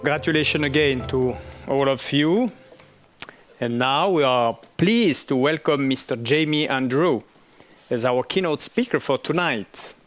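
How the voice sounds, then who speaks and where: A man hosting a graduation ceremony, giving a formal, slightly halting introduction of the speaker. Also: medium pitch. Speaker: ceremony host. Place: ceremony hall.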